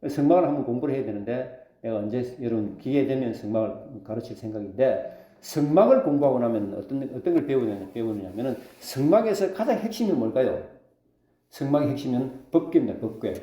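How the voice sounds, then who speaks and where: A pastor preaching a sermon, throwing rhetorical questions to the congregation. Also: male voice, medium pitch, brisk, roomy sound. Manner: lively preaching with call-and-response questions. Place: church sanctuary.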